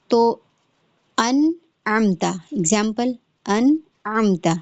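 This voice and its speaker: A woman's voice: medium pitch, no room sound, highs cut off. A woman teaching an online recitation class, patiently explaining step by step, demonstrating sounds and checking in with her students often. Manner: checks understanding often with "theek hai".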